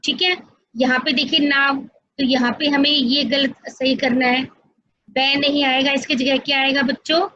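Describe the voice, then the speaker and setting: High-voiced patient woman teacher. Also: little pitch movement, moderate pace, pushed and bright, no echo, dull audio. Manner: patient, explains step by step, addresses children often. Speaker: school teacher. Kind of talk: online Hindi class for young children.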